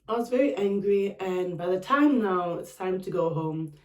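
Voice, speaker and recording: A young South African woman vlogger telling a personal story in a dramatic, expressive way, with sharp retorts. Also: fairly low pitch, moderate pace. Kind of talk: storytime chat. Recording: roomy, a bit distant from the mic.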